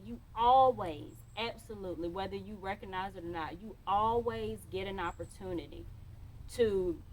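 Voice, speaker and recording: A woman's voice: medium pitch, slight background noise, rough recording. A woman giving a motivational monologue to camera, emphatic and repeating phrases for stress. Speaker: motivational speaker.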